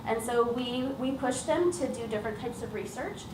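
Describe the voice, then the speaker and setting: Her voice sits on the high side and moves at a moderate pace as this woman teacher presents her work informally. She is the lead trainer, giving a semi-prepared, explanatory public talk. Captured by a distant mic in an echoey room at an event, the clip is roomy and clearly noisy.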